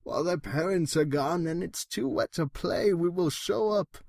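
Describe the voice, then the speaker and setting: A man's voice: fairly high pitch, normal speed, a little mellow, no room sound, studio quality. A man voicing a sly, sinister trickster cat in a storybook, falsely reassuring, with theatrical rhyming talk. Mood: quietly sinister. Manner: smooth-talking, theatrical, rhyming.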